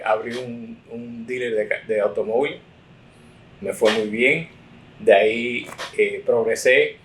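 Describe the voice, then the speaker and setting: A man in his sixties, a political consultant telling his career story in an interview, full of fillers and self-corrections. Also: medium pitch. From United States. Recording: roomy echo.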